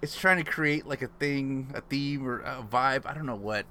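A man chatting casually about a film, lively and quick to swear as he acts out scenes. His voice is bright and forward. A faint background hiss runs under the recording. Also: medium pitch. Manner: animated, swearing, acts out quotes. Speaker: podcast co-host. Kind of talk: casual chat.

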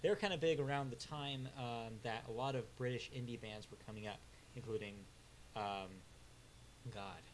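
Speaking at a normal speed in a mid-range voice, this co-host of a relaxed album review chat hesitates a lot and fills pauses with sounds before delivering blunt, dry judgments. The audio is poor, with slight background noise.

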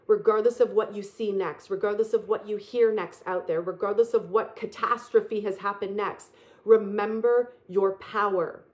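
A woman's voice: mid-range voice, fairly even intonation, darkish tone. Woman, spiritual speaker, earnest and emphatic, repetitive motivational delivery. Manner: earnest, repetitive, emphatic and slow on key phrases.

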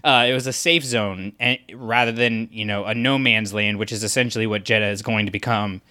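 This podcast co-host has a lowish voice that sounds pushed and bright, with fairly even intonation and a brisk pace. He chats casually, rambling with many fillers and restarts.

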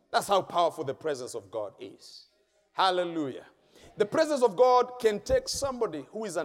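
A man preaching a sermon in a church hall, emphatic and repetitive, with sudden loud peaks. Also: high voice. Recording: long echoing church-hall reverb.

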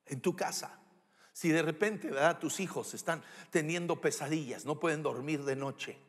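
A man delivers a sermon from the pulpit in a high, bright register. He keeps it animated, tossing out rhetorical questions and humorous asides. His voice rings out with a long hall reverb. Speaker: pastor.

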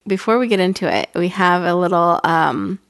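A woman's voice: on the low side, normal speed, gravelly, no room sound, studio quality. A young woman co-hosting a podcast in casual chat, talking loosely with many fillers and laughing often. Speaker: podcast co-host.

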